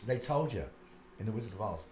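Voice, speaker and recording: A lowish, expressive, slightly mellow male voice moves at a quick pace, with a little hiss or hum. The man hosts his channel, going through pictures in an insistent, casual, rambling monologue, with frequent asides and "uh"s, in an echoey room with faint ambience.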